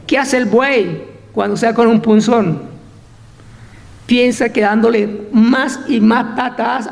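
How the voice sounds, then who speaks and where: A man's voice: extremely high pitch, gravelly, in a large hall. A man preaching a fervent sermon as pastor, asking rhetorical questions and acting out the voices of Bible figures.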